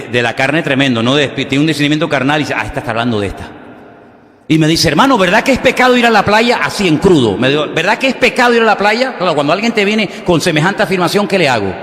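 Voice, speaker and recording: A male pastor preaches with a fairly high voice, telling jokey little dialogues to his congregation. His voice rings with a long echo, as it would in a big church hall. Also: fairly bright tone. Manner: humorous, conversational preaching with acted-out dialogues. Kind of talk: sermon. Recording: echoey hall.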